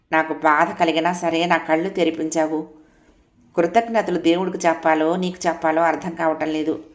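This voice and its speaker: A woman's voice: fairly low pitch, natural voice. A woman voicing a remorseful young husband who speaks in a pleading, tender way.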